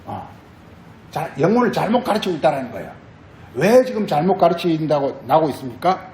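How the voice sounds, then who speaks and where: Man preaching, high voice, lively pitch, echoey hall, faint hum, repeats himself, quizzes the listeners. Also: a little fast. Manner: repetitive, asks the congregation questions. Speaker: pastor. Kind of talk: sermon.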